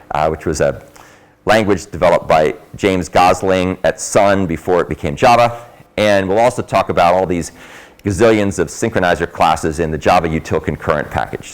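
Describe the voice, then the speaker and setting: Low-pitched man lecturing through a face mask. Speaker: university lecturer. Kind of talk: classroom lecture. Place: classroom.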